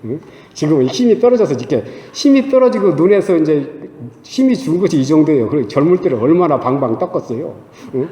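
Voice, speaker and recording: Man, 60s, religious brother giving a folksy church talk; mellow, echoey church hall. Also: on the high side, expressive, a little fast. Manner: chatty, keeps asking "eh?" and chuckling, acts out his own inner talk. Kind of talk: conversational church lecture.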